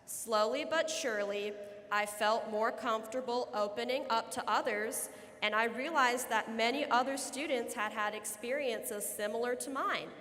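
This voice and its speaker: A woman's voice: on the high side, moderate pace, fairly bright tone. Teenage female podium speech in a reverberant hall. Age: late teens. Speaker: student graduation speaker. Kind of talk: podium speech, earnest prepared address. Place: large indoor room at a graduation ceremony.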